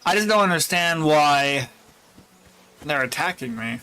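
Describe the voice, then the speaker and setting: A man's voice: on the high side, animated, unhurried, bright, forceful tone, smooth. A man streaming a game, commenting casually to himself, swearing and puzzled at what happens. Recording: faint game music behind.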